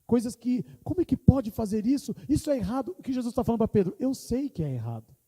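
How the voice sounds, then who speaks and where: A man's voice: very high voice, very animated, fast talker, mellow, breathy edge. A man preaching a sermon as pastor, with impassioned delivery, quoting prayers aloud. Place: church hall. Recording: church hall reverb.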